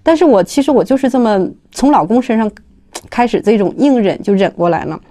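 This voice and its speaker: A middle-aged woman who heads a company gives a personal testimony talk about her studies. She tells it as lively stories and acts out the dialogue. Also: a little high, brisk. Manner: lively storytelling, acting out dialogue. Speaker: company head sharing study experience.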